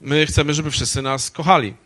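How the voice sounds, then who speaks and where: A man's voice: on the high side, fairly even intonation, brisk, a bit bright. A man interpreting a sermon live, hesitant, with frequent fillers and restarts.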